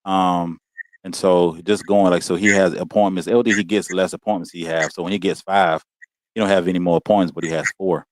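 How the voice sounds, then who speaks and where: Speaking fairly quickly in a deep, steady voice, a man from the United States recounts something personal as a guest on a podcast. He's casual and sincere, sprinkling in "man" and "you know what I'm saying," with slight noise behind him.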